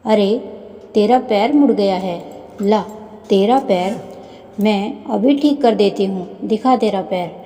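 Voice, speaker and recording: A scornful old mother-in-law from a storybook tale, put on by a woman narrator. She speaks slowly in a very dark, mellow tone, heaping taunts on everyone around her. The voice rings with a long hall reverb. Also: medium pitch, close to an everyday voice. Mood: scolding. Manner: taunting, sharp-tongued.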